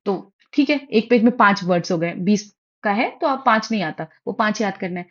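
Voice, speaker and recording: A woman's voice: mid-range voice, animated, moderate pace. A young woman giving casual exam study advice, chatty and mixing English phrases into her Hindi. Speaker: exam prep tutor. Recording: dull lo-fi audio.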